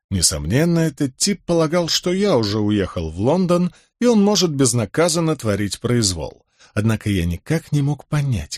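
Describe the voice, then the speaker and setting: A man narrating a historical novel in the first person in measured, expressive storytelling. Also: mid-range voice, no echo, studio quality. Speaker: audiobook narrator.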